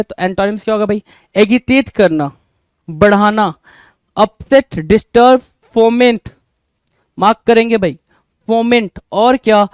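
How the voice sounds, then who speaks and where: Brief: male vocabulary teacher, smooth and resonant, keeps repeating questions to the class. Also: sits high, dry recording. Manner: repeats each question back to students, calls them "bhai". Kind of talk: exam-prep vocabulary lesson.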